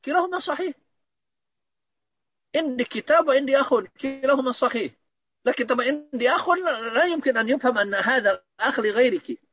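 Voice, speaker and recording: A man's voice: very high-pitched, expressive, fast, fairly bright tone, no echo, highs cut off. A man teaching Arabic grammar in an online lesson, patiently explaining and checking that students understand.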